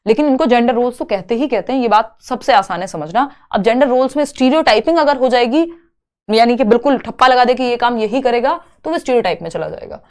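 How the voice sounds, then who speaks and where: A young woman teaching an exam-prep lecture. She reads each English question slowly, then explains it step by step, asking and answering her own questions. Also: fairly high pitch, animated.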